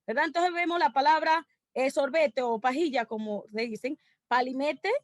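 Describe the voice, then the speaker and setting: A woman's voice: high-pitched, normal speed, no room sound. A woman with a Dominican accent presenting an academic conference talk over a video call, explaining her points through lists of examples. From Dominican Republic.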